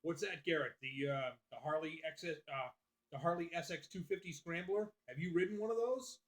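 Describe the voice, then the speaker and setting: A man with a fairly high voice talks quickly as he hosts a live stream. He chats loosely with viewers and swears freely while answering their comments.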